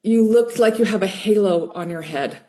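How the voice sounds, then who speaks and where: A woman's voice: medium pitch, normal speed, mellow. A woman teacher on a video call, talking in a rambling, raw and heartfelt way. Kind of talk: emotional casual chat.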